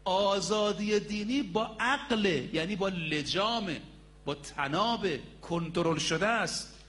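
In his sermon, a man whose voice sits high and fairly bright speaks directly to his audience. He relates stories with emphasis, lengthening the words that matter most.

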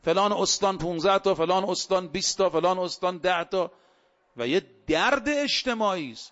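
A man's voice: high-pitched, a bit bright. A man cleric giving a sermon, preaching emphatically with rhetorical questions and stories. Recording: dull lo-fi recording.

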